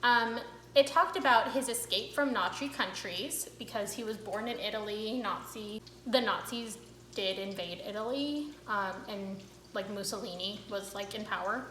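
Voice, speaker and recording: A woman's voice: medium pitch, normal speed, a bit bright, slight background noise. Chatty young woman, echoey room. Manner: chatty, rambling with fillers. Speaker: cooking vlog host. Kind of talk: casual talk to camera.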